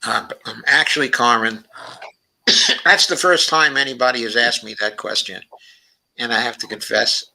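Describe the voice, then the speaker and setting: Bright-toned man hosting a livestream. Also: mid-range voice, gravelly, rough recording. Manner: thinking aloud, unhurried, sprinkles "okay" and "uh" through sentences. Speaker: talk show host. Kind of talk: casual livestream commentary, reading viewer comments.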